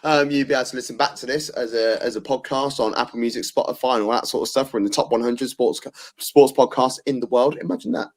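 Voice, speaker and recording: Male podcast host, English, opinionated and rambly, mid-pitched everyday voice. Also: fairly even intonation, fast talker, few pauses. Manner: blunt, opinionated, rambling with fillers. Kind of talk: casual football debate chat.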